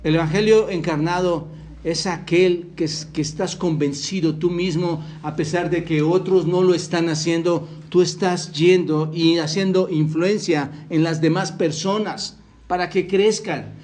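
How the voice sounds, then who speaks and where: A man's voice: fairly high pitch, steady tone, measured pace, a little mellow, slight background noise. A man from Mexico preaching a sermon as pastor, earnestly quoting scripture and putting questions to the congregation. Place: church hall.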